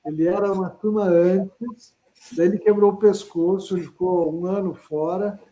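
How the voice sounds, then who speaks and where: A man's voice: high voice, fairly even intonation, normal speed, warm tone, rough recording. A man hosting a live web interview, chatting casually and restarting his sentences as he goes. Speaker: host interviewer.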